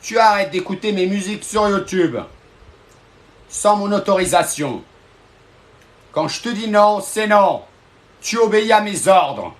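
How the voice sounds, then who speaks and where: A hot-headed, bossy boss, as a man puts him on, barking the same orders over and over in a comedic live-stream rant. The voice sits fairly high and pushes hard and loud. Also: animated, unhurried, long pauses. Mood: angry scolding. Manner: repetitive, threatening, commanding. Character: bossy, short-tempered male boss scolding followers.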